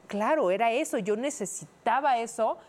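A woman's voice: on the high side, lively intonation, moderate pace, a little mellow. A woman co-hosting a podcast, talking candidly and reflectively in casual chat. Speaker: podcast co-host.

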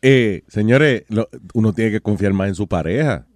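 A man's voice: fairly low pitch, lively intonation, normal speed, a little mellow, no echo. A man co-hosting a radio show, joking about a call. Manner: joking commentary. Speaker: radio co-host. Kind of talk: studio banter.

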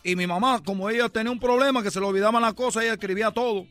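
A man voicing a boastful Cuban baseball player with a Cuban accent in a comedic radio bit, loud and rambling, repeating himself. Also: high voice, very fast, soft background music. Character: boastful Cuban ballplayer, adult man, brash joker.

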